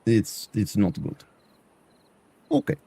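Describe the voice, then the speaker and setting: A man's voice: lowish voice, huge pitch swings, slow, gravelly, mellow, slightly rough, no room sound. A man streaming live, chatting loosely through gameplay and often stumbling over and repeating his words.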